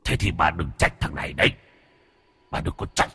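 A man's voice: very deep voice, fairly even intonation, normal speed, breathy edge, voice pushed down, full character voice. A man voicing the ghost of a dead young man who menacingly begs for money. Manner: menacing, pleading, rising to a shout.

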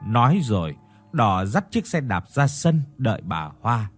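A man tells a ghost story at a slow, measured pace. His pitch rises and falls expressively as he narrates. Soft music plays quietly underneath. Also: big pitch swings, breathy edge.

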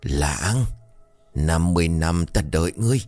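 A man voicing a vengeful old female ghost who speaks coldly and slowly. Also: low voice, animated, darkish tone, no echo, soft background music. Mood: accusing. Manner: cold, slow, accusing.

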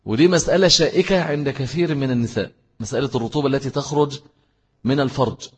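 A man with an Egyptian Arabic accent gives a religious lesson, his voice very breathy and airy. He explains step by step and repeats key phrases for emphasis. The sound carries a long reverb, as if recorded in a large hall. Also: medium pitch, fast talker. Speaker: Islamic teacher. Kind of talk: religious lesson with answers to questions.

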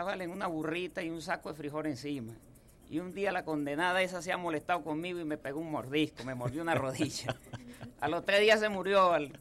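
Speaking in a high, fairly bright voice with slight background noise, a thirtysomething singer-songwriter from Apure, Venezuela, tells folksy anecdotes in his llanero accent. He's a guest in a radio studio booth, keeping the interview relaxed.

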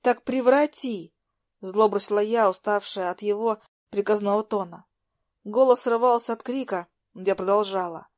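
A woman narrating a first-person story in an expressive audiobook reading. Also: medium pitch, normal speed.

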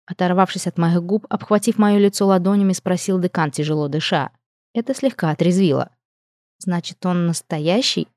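Mellow woman reading a story aloud. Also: lowish voice, fairly quick, no room sound, clean studio sound. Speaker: narrator. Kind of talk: first-person audiobook narration.

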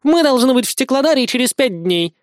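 A man's voice: very high voice, lively intonation, brisk, smooth, no room sound, voice pushed up. A man voicing a bratty young elf girl who whines and pleads, dry close sound. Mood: eager. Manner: whiny and pleading.

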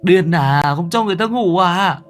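A man voicing a rude, cheeky village boy in a spoken horror story, with a high, whiny, loud voice. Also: expressive, moderate pace, soft background music. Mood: irritated.

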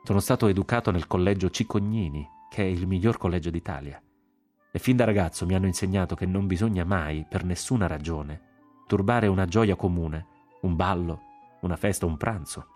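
A man with an Italian accent reading a literary novel aloud in a measured, deliberate way. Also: low voice, a little mellow, soft background music. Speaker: audiobook narrator.

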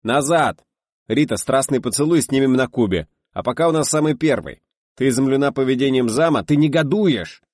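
A man voicing a loud, commanding middle-aged film director in an audiobook, barking orders at the set. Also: mid-range voice, expressive, moderate pace, dry recording, clean studio sound, pitched above the performer's own voice, close to an everyday voice.

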